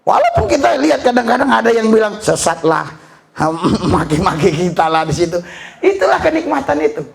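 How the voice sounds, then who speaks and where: A man preaching a sermon as pastor, lively and full of laughter and shouted exclamations. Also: sits high, brisk, vocal fry, noisy background.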